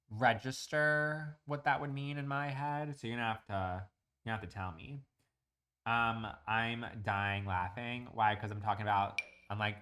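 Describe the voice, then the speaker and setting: A young man talks casually to his stream while he builds in a game. He rants in crude, profanity-laced comic bits. His voice sits a little low but sounds bright and forceful. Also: slight background noise. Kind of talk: casual live-stream chat.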